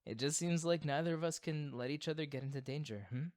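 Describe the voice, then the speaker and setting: A man voicing a proud, theatrical supervillain boyfriend who is secretly doting, in an expressive ASMR roleplay. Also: a little high, fast, natural voice. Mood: tender, affectionate.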